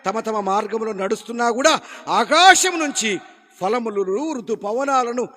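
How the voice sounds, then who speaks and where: A man with a Telugu accent preaching a sermon with fervor, swinging between loud declaiming and low asides and acting out quoted talk. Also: animated, a little slow. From India. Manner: acts out quoted dialogue in rustic colloquial voice.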